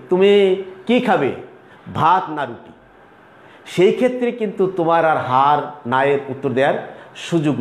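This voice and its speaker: A man with a slightly high voice teaches a grammar lesson in Bengali. He explains slowly, says each key word more than once and acts out sample questions and answers. The room gives his voice a clear echo. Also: darkish tone. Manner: slow, repetitive explaining, acting out student answers.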